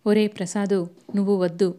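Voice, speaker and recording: A gentle elder sister from a spoken novel, soft and pleading in her worry, voiced by a woman narrator. The tone is warm and mellow. It stays close to the reader's everyday voice. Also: mid-range voice, level tone, moderate pace, natural voice.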